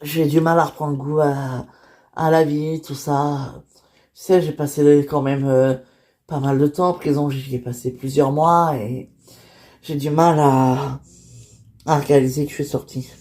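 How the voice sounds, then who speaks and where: Young woman fresh out of prison, voiced by a woman, low, mellow, halting delivery. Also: fairly even intonation. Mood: downcast. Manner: hesitant, halting speech. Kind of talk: homemade toy-figure drama.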